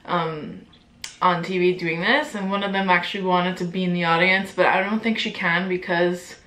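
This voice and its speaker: A young woman in her twenties talks casually to her camera, giggling and filling her speech with "like" and swear words. Her voice is bright and forward. The room around her rings with noticeable echo. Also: lowish voice, fairly even intonation, normal speed. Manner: chatty, giggly, peppered with "like" and swearing. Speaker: vlogger. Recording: echoey room.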